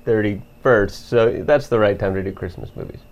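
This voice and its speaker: A man's voice: on the low side, moderate pace, highs cut off. A man co-hosting a casual film review podcast, talking in a laid-back, rambling way and laughing often. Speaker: podcast co-host.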